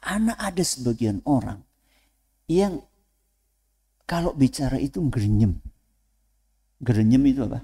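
A man preaching to students in a lively way, asking the audience questions and then answering them himself. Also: mid-range voice, measured pace, pauses often, breathy edge. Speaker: Islamic preacher. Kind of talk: lecture to students. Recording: long hall reverb.

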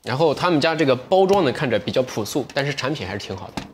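This thirties-aged livestream sales host speaks fast in a medium-pitched voice with big swings in pitch, against a noisy background. Working from a studio set, he banters playfully with viewers, pokes fun at himself, and occasionally wanders into thoughtful tangents.

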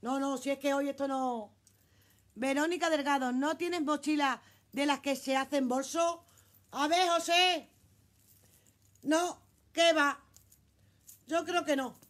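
A woman's voice: sits high, fairly even intonation, slow, long pauses, fairly bright tone. A middle-aged woman with a Spanish accent, selling clothes on a casual live stream from her shop. She chats in an exclamatory way, reads out viewer comments and swears casually. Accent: Spanish from Spain.

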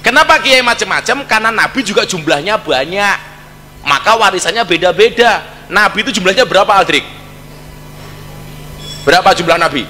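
A man's voice: sits high, lively intonation, fairly quick, long pauses, bright, forceful tone, big-room sound, soft background music. A middle-aged man with a Javanese accent giving a humorous religious talk, joking and teasing with Javanese asides. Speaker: preacher.

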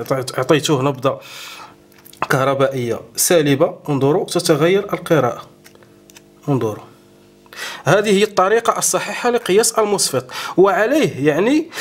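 A man hosting an electronics tutorial, explaining a hands-on demonstration step by step and often pausing with fillers. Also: on the high side. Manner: explanatory, keeps saying "look" to viewers, frequent hesitations.

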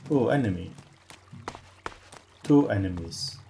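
A man's voice: lowish voice, expressive, slow, gravelly, warm tone, a little hiss or hum. A man giving casual gameplay commentary, muttering short reactions as he plays. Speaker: let's play gamer.

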